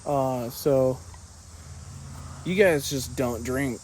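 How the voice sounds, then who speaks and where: A man vlogs outdoors in a yard, his medium-pitched voice very slow and a little mellow. He rambles casually in slang, chatting to viewers and calling them "dude." Insects and ambient noise come through clearly on the outdoor recording.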